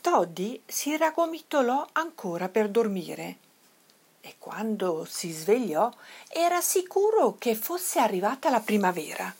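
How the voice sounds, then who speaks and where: A woman reading a children's storybook aloud in a slow, expressive way. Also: medium pitch, breathy edge. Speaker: storybook reader.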